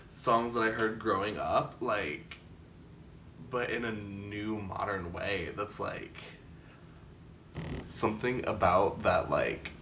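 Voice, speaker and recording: A man with a campy, expressive drag queen delivery, chatting casually and effusively as the host of a music reaction video. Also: on the low side, a little hiss or hum. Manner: effusive, gushing. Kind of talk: casual excited album reaction chat.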